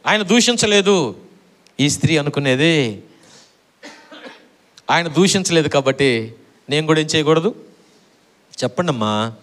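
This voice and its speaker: A middle-aged man from Andhra Pradesh, India, preaches a sermon in a fairly high, fairly bright voice. He repeats his phrases and quizzes the congregation for answers.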